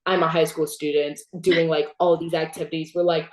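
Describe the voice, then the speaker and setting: Animated teenage girl host, roomy sound. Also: low voice, brisk, slight background noise. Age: teens. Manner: animated, storytelling, laughs often. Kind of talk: casual chat.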